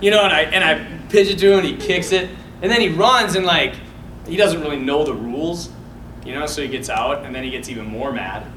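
A priest with a fairly high, fairly bright voice speaks briskly in an informal, sermon-like talk about parenting. He rambles and tells stories, acting out the voices of the people he quotes. The recording has an echoey hall, a distant mic and background noise.

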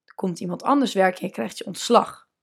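On her solo podcast, a female coach speaks casually but with emphasis, slowing down to stress key points and slipping in English words. Her voice sits in the mid range and sounds gravelly and husky.

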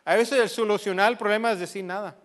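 Pastor guy preaching, pretty high voice, lots of rhetorical questions, drops english bits in. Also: fairly even intonation, fast talker. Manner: slips into English phrases; acts out quoted voices. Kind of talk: sermon.

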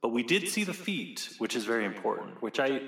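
A man's voice: medium pitch, sing-song, brisk, creaky, fairly bright tone, husky, dry recording, rough recording. A man hosting a podcast in casual, playful chat, repeating phrases with mock seriousness. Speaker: podcast host.

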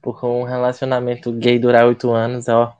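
A man's voice: mid-range voice, completely flat delivery, brisk, muffled recording, crowd noise. Homem brasileiro espalhafatoso, jeito de drag queen. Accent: Brazilian. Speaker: podcast co-host. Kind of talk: casual comedic banter.

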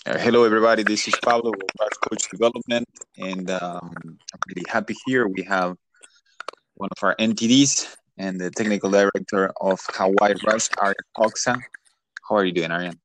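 Low-voiced podcast host with faint hiss. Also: male voice, steady tone, brisk. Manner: hesitant, friendly, filler-heavy. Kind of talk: casual interview hosting.

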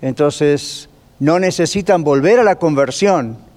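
A man teaching a Bible class as pastor, lively and conversational, putting rhetorical questions to his listeners. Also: fairly high pitch, measured pace. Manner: lively, asks the class rhetorical questions, drops in English phrases. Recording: long reverb of a church hall.

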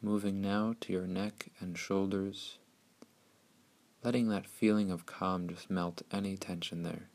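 A man narrating a scripted guided meditation in a soothing, hushed, unhurried way with long pauses. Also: deep voice, level tone.

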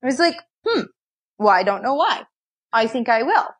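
A young woman appears as a podcast guest, chattily telling stories from her past, laughing often and acting out things she once said to herself. She grew up in many countries, partly in Scotland and Nevada. Her husky, fairly high voice is very animated at a moderate pace.

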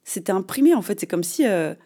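Chatty French-speaking woman podcaster, mellow voice. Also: mid-range voice, a little fast. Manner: animated, slangy storytelling with frequent fillers. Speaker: podcast host. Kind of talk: casual solo podcast monologue.

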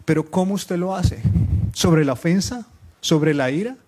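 A man's voice: high-pitched, animated, measured pace, a little mellow. A young father preaching a live sermon to a congregation, speaking conversationally, questioning the people in the room directly and joking with them now and then. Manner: teasing asides with the audience.

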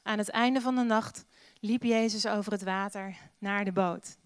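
Woman preacher, sermon with scripture reading, easygoing and full of rhetorical questions, smooth voice, dry close sound. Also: mid-range voice, fairly even intonation, moderate pace, no echo. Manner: conversational, many filler sounds, rhetorical questions.

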